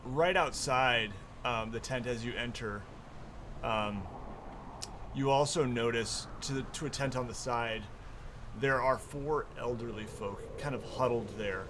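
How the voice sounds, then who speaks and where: A man runs a tabletop game, improvising his narration. He speaks very slowly and stops mid-sentence often. Noticeable noise sits behind his voice. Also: mid-range voice. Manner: halting, pausing mid-sentence. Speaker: game master.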